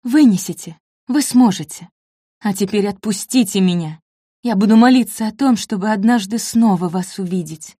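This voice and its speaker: A woman's voice: normal speed, mellow, breathy edge, dry recording, clean studio sound, lightly acted. A woman voicing a desperate young woman pleading for her family. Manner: pleading, raised higher voice.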